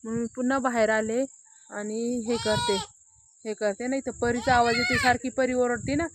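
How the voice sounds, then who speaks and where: Casting: chatty woman on a walking phone vlog, high-ish voice, dry close sound. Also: animated, moderate pace, dry recording. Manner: chatty, repeats "hey bagha" often. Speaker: vlogger. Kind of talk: casual home tour vlog. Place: outdoors at a village home at dusk.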